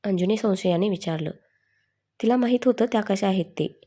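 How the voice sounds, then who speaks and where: A woman narrating a story in a steady, expressive reading. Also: medium pitch, brisk, breathy edge.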